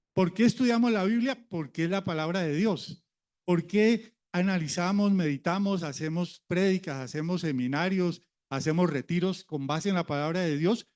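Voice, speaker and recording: A man's voice: high-pitched, normal speed, darkish tone. A man preaching a sermon, a pastor who talks in a conversational way and keeps asking the congregation questions.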